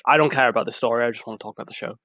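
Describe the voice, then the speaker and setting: A man's voice: medium pitch, racing, a bit bright, no room sound. Man co-hosting, dry close mic. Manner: reads out news items between crude joking. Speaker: podcast co-host. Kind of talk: casual podcast chat.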